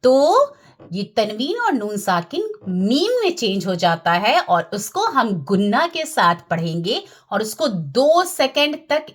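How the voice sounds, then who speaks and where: A woman teaching Quran recitation rules, repeating key terms, checking in with her listeners and drawing out recited words slowly. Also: high voice. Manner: slows down and draws out recited Arabic words. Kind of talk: tajweed lesson.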